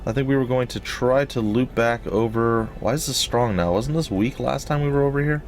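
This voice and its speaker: A man with a slightly wheezy, breathy-noisy voice giving casual, rambling, jokey commentary as host of a gaming let's play. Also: mid-range voice, normal speed. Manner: rambling, jokey, repeats phrases for effect.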